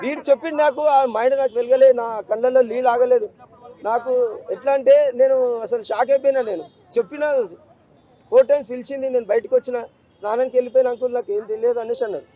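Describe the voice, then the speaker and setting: A man's voice: extremely high pitch, steady tone, quick pace, warm tone, muffled recording. A middle-aged grieving father, speaking in an emotional street interview, pleading and repeating himself. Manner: grief-stricken, repetitive, pleading.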